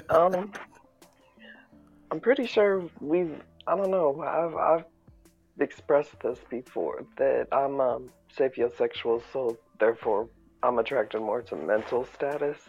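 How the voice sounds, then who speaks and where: A woman's voice: very deep voice, takes it slowly, a little mellow, breathy edge. A woman with a sultry voice chatting casually as a podcast co-host. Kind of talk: casual panel chat. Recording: dull lo-fi sound, music underneath.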